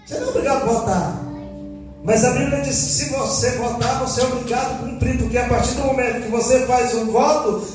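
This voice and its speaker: A man's voice: extremely high pitch, fairly even intonation, quick pace, a little mellow. A man with a Brazilian Portuguese accent preaching a folksy sermon as pastor, acting out quoted believers. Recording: echoey hall from far off with music.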